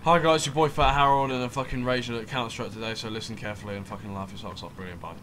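A man's voice: fairly low pitch, fairly even intonation, fast talker. Teen boy, host, gameplay commentary, constant swearing, rage outbursts, noisy capture. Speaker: gaming channel host. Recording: noisy game-audio capture.

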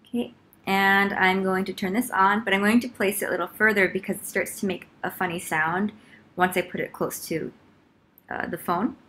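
A young adult woman, a vlogger and teacher, gives a chatty, informal how-to to camera in her living room. Her medium-pitched voice is steady and sharp-toned at a normal speed, picked up by a laptop mic about arm's length away with slight background noise.

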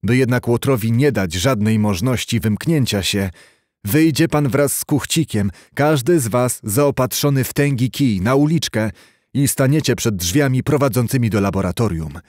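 A man's voice: mid-range voice, lively intonation, moderate pace, no room sound, studio quality, close to an everyday voice. A man voicing a stern resolute lawyer. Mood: grave. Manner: forceful, commanding. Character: stern middle-aged male lawyer, resolute.

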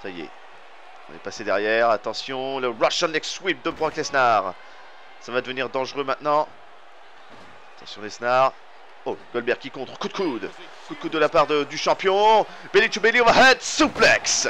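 Over a wrestling video game, a French-accented man delivers excited play-by-play, breaking into shouts on big moves. His voice is medium-pitched at a normal speed, with slight background noise.

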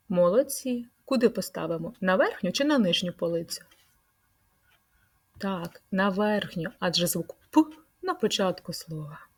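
A woman leading a speech-sound lesson for preschool children, stretching out words in a slow, sing-song way. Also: mid-range voice, husky. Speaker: preschool teacher.

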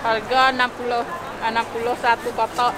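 Flat-voiced woman vendor talking through a mask. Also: fairly high pitch. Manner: short, halting replies. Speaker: street food vendor. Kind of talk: casual answers to a vlogger's questions. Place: food stall inside a busy mall. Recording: loud background noise in a busy mall.

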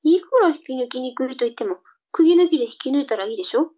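Woman as a high, cute anime-girl little sister. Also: lively intonation, fast, mellow. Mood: bright, matter-of-fact. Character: cheeky, sulky younger sister in a comedy. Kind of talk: comic tongue-twister reading drama.

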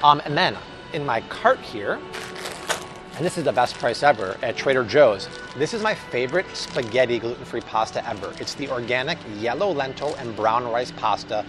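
Expressive and medium-pitched, this American vlogger in his thirties talks at a moderate pace over music. Upbeat and chatty, he gives an enthusiastic, casual product review in a big indoor supermarket aisle, with the store's ambience and hum clearly present.

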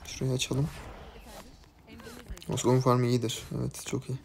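A man's voice: mid-range voice, completely flat delivery, moderate pace, gravelly, darkish tone, a little hiss or hum. A man giving casual commentary over his own gameplay, muttering to himself and his team and venting his frustration with the game. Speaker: gaming YouTuber.

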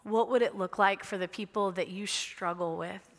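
Speaking at normal speed in a steady, medium-pitched voice, the woman preacher stays earnest while slipping in light humor. She's on a large church sanctuary stage with a headset mic, and long reverb fills the recording.

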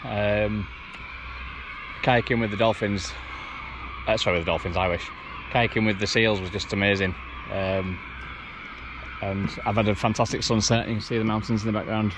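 Out on the sea in a kayak and then on the beach, a vlogger chats casually to his action camera at a moderate pace, with lots of rambling "you know"s. His voice is lowish with fairly even intonation. The audio is dull and lo-fi, with wind and water noise coming through clearly.

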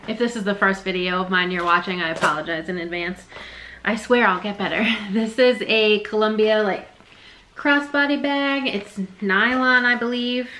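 Chatty bright-voiced woman vlogging. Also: medium pitch, normal speed, a little hiss or hum, poor audio. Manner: rambling, self-deprecating, chatty. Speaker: reseller vlogger. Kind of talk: casual haul vlog.

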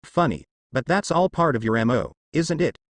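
Man reading as a mocking demon villain, taunting, lively delivery. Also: mid-range voice, normal speed, no room sound, studio quality, natural voice. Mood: gloating. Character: gloating, menacing male demon.

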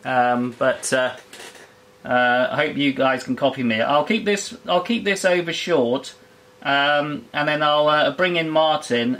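A man's voice: mid-range voice, fairly bright tone. A man speaking on air over a homebuilt transmitter, his voice coming through a scratchy carbon microphone with hesitant call-sign talk. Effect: scratchy carbon microphone audio. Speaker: amateur radio operator. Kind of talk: on-air radio exchange.

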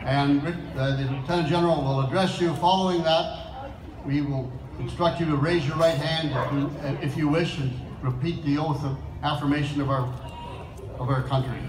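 A man's voice: a little high, fairly even intonation, normal speed, a crowd in the background. An older man giving an informal, jokey ceremonial address as clerk, speaking off the cuff. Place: outdoor town square, over speakers. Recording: echoey, noisy outdoor public address.

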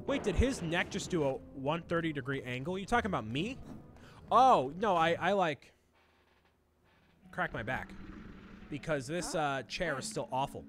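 Lively, playful man streaming a game. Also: on the high side, normal speed, pauses often, a little hiss or hum. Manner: playful, chatty, reads chat aloud and talks to game characters. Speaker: guest streamer playing a video game. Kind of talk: casual live-stream gameplay chat. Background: game music.

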